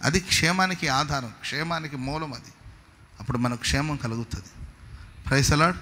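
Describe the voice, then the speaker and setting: Male pastor, emphatic sermon, loud calls and soft asides, long hall reverb. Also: on the high side, normal speed, a little hiss or hum. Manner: emphatic preacher, swings between loud exhortation and soft asides.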